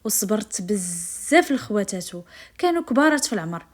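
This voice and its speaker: Fast-talking Moroccan woman storyteller. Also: medium pitch, sing-song. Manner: confiding, addresses listeners directly. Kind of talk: first-person storytelling to women listeners.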